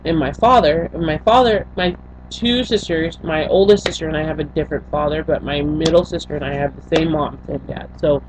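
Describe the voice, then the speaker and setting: A young woman from Senegal, a vlogger with a low-pitched voice, tells her life story to the webcam in a small bedroom. She speaks haltingly, with many fillers and restarts. The built-in webcam mic gives dull, lo-fi audio with a faint hum.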